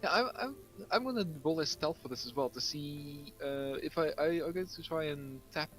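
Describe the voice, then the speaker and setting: A man's voice: fairly high pitch, expressive, normal speed, fairly bright tone, soft background music, poor audio. Rambling male tabletop player. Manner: rambling, stop-start explanations. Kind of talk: casual tabletop play.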